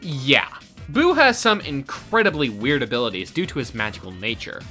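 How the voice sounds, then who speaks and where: Man, theatrical scripted narrator, very lively swooping pitch, bright forceful tone, light music behind. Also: moderate pace. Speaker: show co-host. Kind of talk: scripted versus-show narration. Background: faint background music.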